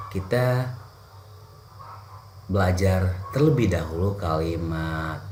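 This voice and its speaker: A man's voice: sits low, darkish tone, a little hiss or hum. A male English teacher with an Indonesian accent, giving a bilingual lesson that moves between Indonesian and English with playful examples. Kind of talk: bilingual classroom lesson over slides.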